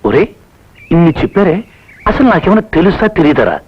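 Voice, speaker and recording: An actor playing a short-tempered, pompous boss who badgers people with sharp repeated questions, in comic film acting. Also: male voice, a little high, big pitch swings, fairly quick, breathy edge, heavily acted. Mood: badgering. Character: blustering, short-tempered male boss, middle-aged. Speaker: pompous boss interviewing job applicants. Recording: dull film soundtrack with faint music.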